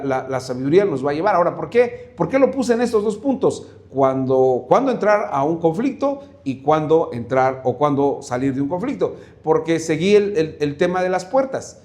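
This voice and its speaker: A man teaching a Bible study on Proverbs, animated, with frequent fillers and restarts. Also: fairly high pitch, moderate pace. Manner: animated, acts out shouts and whispers in examples. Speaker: preacher.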